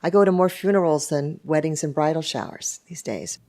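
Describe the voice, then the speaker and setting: A woman in her fifties, an attorney and yoga instructor, speaking in a measured, matter-of-fact way in an interview. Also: low-pitched, dark tone. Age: 50s. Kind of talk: reflective interview talk. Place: yoga studio, indoors.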